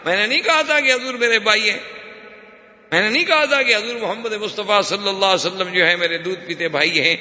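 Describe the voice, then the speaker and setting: A man's voice: high voice, bright, forceful tone. A man putting on an old woman pleading urgently. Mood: triumphant. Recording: echoey hall, dull lo-fi sound.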